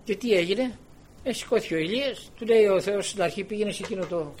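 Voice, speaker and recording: A man preaching a sermon, firing rhetorical questions and swinging from low murmurs to loud exclaiming. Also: slight background noise.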